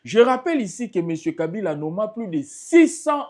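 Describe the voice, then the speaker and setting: Very animated and high-voiced, a man with a darkish tone speaks at normal speed over slight background noise. He is a political party spokesperson with a Congolese French accent, an impassioned, emphatic guest in an interview.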